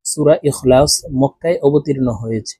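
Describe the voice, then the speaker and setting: A man teaching Quran recitation, who chants the verses slowly and melodically and explains the rules between them. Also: medium pitch, dark tone, slightly rough, dry recording. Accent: Bangladeshi Bengali.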